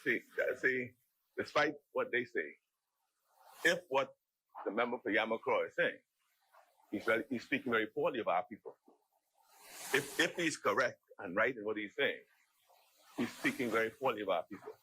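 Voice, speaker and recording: Bahamian mp guy, forceful husky voice, repeats himself a lot while debating. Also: medium pitch, animated, low-quality recording. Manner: halting, repetitive, emphatic oratory. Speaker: member of parliament. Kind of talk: impromptu parliamentary debate speech. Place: legislative chamber.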